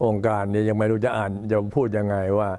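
An old man, a Buddhist monk, giving an informal talk to temple visitors in an unhurried, halting way. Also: lowish voice, flat delivery, warm tone. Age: older. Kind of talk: informal talk, recounting temple history and announcements.

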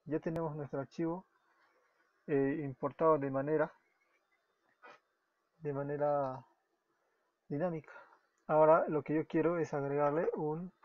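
A web development tutor from Peru, speaking with a Peruvian Spanish accent in a fairly high, steady voice, narrates a screen-recorded coding tutorial at a measured pace with frequent pauses. He works through it step by step, stopping to correct himself and often apologizing. The sound is dry, dull, and lo-fi, with typing audible.

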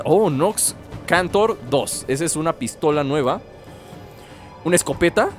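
Brief high, playful male gaming host, music behind. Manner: playful, excitable, jokey asides. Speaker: gaming YouTuber. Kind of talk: casual gameplay commentary.

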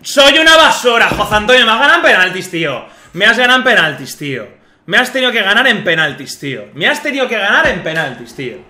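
A man with a Spain Spanish accent doing live football video game commentary as a streamer, swinging between muttering and shouting, swearing and talking to himself and his viewers. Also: high-pitched, very animated, fast. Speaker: gaming streamer. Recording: echoey room with music behind.

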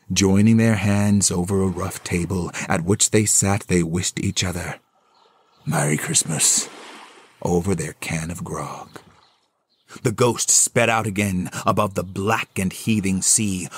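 A man with a lowish, breathy-edged voice narrates a classic novel solo. It's scripted, dramatic storytelling delivered in a theatrical, solemn way.

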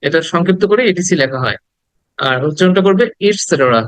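A man teaching pronunciation, drawing out model words slowly and explaining quickly in between. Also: sits high, lively intonation, no room sound, low-quality recording. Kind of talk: spoken language lesson.

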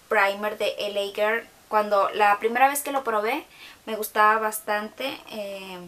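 A woman's voice: mid-range voice, fairly bright tone, a little hiss or hum. A young woman gives a casual makeup tutorial from her bedroom, chatting along with hesitant fillers.

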